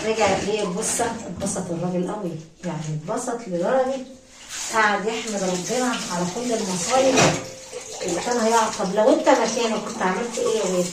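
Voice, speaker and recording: A woman's voice: medium pitch, quick pace, echoey room, distant mic, very noisy. A woman with an Egyptian accent telling a story in a chatty way, speaking straight to her listeners. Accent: Egyptian Arabic. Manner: chatty, addresses listeners directly. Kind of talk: casual spoken storytelling.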